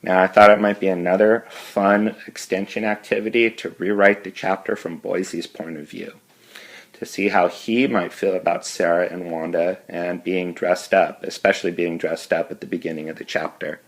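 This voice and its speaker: Deep-voiced teacher reading aloud. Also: male voice, flat delivery, moderate pace, poor audio. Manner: friendly asides to students. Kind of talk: reading a novel aloud with commentary.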